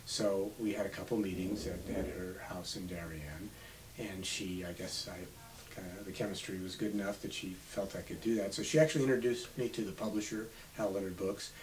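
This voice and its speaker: A man in his seventies, an author being interviewed on radio, telling unhurried stories from his past. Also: sits low, fairly even intonation. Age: 70s. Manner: reminiscing, unhurried storytelling. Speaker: author guest. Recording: slightly distant mic with faint hiss.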